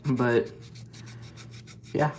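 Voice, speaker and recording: A man's voice: very slow, slight background noise. A man casually talking through a scale model repair, rambling and joking at himself with plenty of fillers. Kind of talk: casual hobby vlog commentary.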